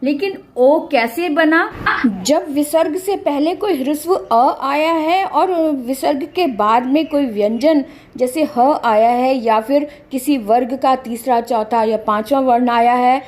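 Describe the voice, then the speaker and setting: In a classroom-style grammar lesson, a woman with a high voice and darkish tone explains patiently to her students. Examples are read slowly and clearly, and tag questions confirm they understand.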